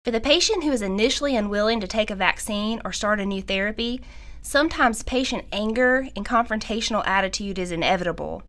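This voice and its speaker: A woman moderating an interview, asking a question in an even, read-out way. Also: medium pitch, fairly quick.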